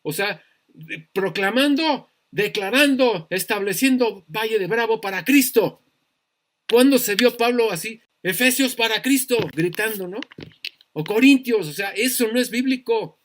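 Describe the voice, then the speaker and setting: A man with a Mexican accent teaching a Bible study sermon, animated and full of rhetorical questions. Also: sits high, measured pace. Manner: animated, acts out voices, asks rhetorical questions.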